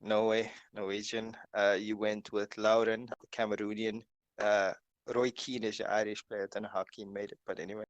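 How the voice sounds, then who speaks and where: A man's voice: lowish voice, level tone, normal speed, no room sound, dull audio. A man hosting a casual video call, reading through lists with lots of "uh" and "um" fillers. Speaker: host.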